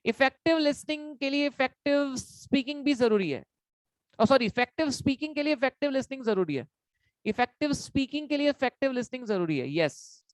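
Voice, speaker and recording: Guy teaching an online class, jokey, says everything twice, kinda high voice, dry mic. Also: dry recording. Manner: playful, teasing, repeats each point; mixes Hindi and English. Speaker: online exam-prep teacher. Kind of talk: live online lecture quiz.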